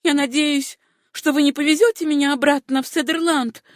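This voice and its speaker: Brief: woman reading a desperate young heroine, high and strained, pleading and defiant. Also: expressive, moderate pace, fairly bright tone, no room sound, clean studio sound. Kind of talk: audiobook character reading.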